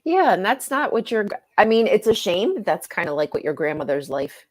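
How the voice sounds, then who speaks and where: A woman's voice: medium pitch, sing-song, fairly quick, no room sound. Woman on a crackling, distorted mic. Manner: frank and rambling, thinking out loud with many "like" fillers. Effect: crackling, distorted microphone. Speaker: podcast co-host. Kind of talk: casual chat. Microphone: headset microphone.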